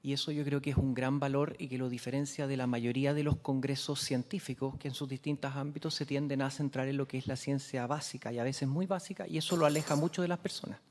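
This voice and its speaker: Fast-talking man explaining science. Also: medium pitch, steady tone, darkish tone. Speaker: scientist at a committee session. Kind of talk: committee discussion.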